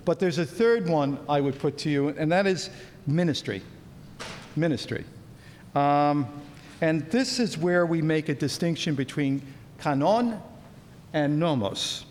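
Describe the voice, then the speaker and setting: A man giving a lecture, speaking deliberately with frequent ums and repeating key words for emphasis. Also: expressive, a little mellow. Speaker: lecturer on canon law. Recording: echoey hall with faint rumble.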